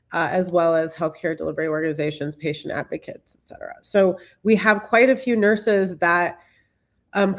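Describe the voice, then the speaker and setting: A woman who is a bit sick and congested, giving a presentation as a guest expert, with many fillers and restarts. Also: on the low side. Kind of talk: presentation talk.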